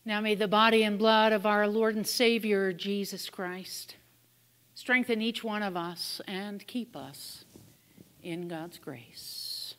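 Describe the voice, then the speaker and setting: A woman pastor leading liturgical prayers in a slow, measured way, heard with a cathedral-like church echo. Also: medium pitch, a bit bright. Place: church sanctuary. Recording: long church-hall reverb.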